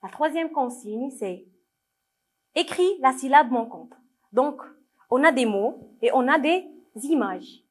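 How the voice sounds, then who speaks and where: Moroccan woman, primary teacher, slow and patient, a bit high, repeats words for kids. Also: animated. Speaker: primary school French teacher. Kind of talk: video lesson for young children.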